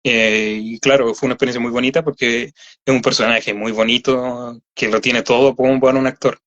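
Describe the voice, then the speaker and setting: A man's voice: mid-range voice, flat delivery, a little fast, a bit bright. A man with a Chilean accent, a voice actor chatting at length in an interview and explaining with many fillers. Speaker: voice actor guest. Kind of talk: casual interview chat. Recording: slightly dull lo-fi audio.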